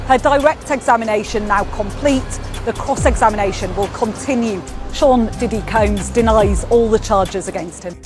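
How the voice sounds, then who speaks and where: A woman reporter delivering a scripted news report on a court case. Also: a little high.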